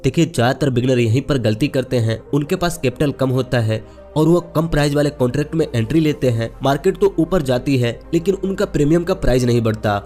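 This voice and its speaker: Patient man explaining over soft music. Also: medium pitch, fairly quick. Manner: patient, explanatory, says "dekhiye" often. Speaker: trading teacher. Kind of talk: screen-share tutorial.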